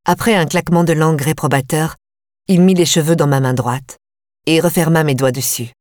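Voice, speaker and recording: A woman reading a first-person audiobook in a measured, tense way. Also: low-pitched, a little mellow, no echo, studio quality. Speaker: audiobook narrator.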